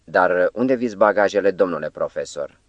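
A man voicing a cautious middle-aged man who speaks in a hushed, soothing, falsely gentle way in an audiobook. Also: sits low, expressive, no echo, muffled recording. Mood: wary.

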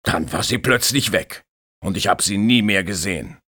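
A man's voice: deep voice, normal speed, sharp tone, pitched above the performer's own voice. A man voicing an older male lifeguard who speaks coolly and matter-of-factly. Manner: cool, matter-of-fact.

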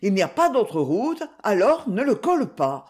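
A reader voicing a spry, sharp-tongued woman in her seventies who speaks with urgency and wry humor. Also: mid-range voice, very animated, normal speed, close to an everyday voice. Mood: tense. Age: 70s.

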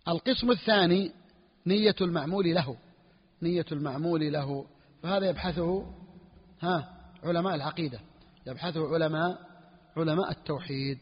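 A man teaching a lesson on Islamic jurisprudence, repeating key phrases and often asking his students whether it is clear. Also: on the high side. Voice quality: husky, clears throat often. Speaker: sheikh teaching Hanbali jurisprudence. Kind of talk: classroom lesson explaining a fiqh text. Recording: dull recording with long hall reverb.

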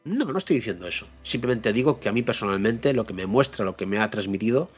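A man's voice: on the low side, animated, fast, husky, faint music behind. A man hosting a podcast, giving a casual spoken review of a game and repeating points for emphasis. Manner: repeats himself for emphasis, frequent fillers and tag questions.

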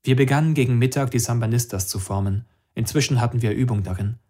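A man narrating an audiobook in the first person. His delivery is steady and measured, at a middle pitch for a man.

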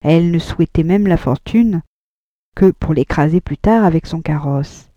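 Dark, dry female audiobook narrator. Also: low voice, dry recording, muffled recording. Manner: measured, even reading. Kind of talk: scripted literary narration.

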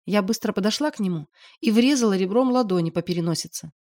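A woman narrating an audiobook in a lively, expressive storytelling manner. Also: medium pitch, fast talker.

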